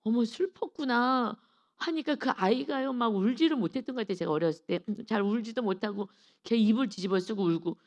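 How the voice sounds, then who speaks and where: A woman preaching a sermon in a church, telling personal stories with lively acted-out quotes and frequent laughs. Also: medium pitch, fast. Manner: laughs often while telling. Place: church sanctuary.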